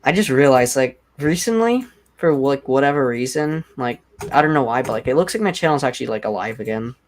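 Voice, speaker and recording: This young livestream host, who calls his own voice deep, talks loosely in a brisk, expressive way. His casual chat drifts from idea to idea, packed with "like," and comes across as offhand and unrehearsed.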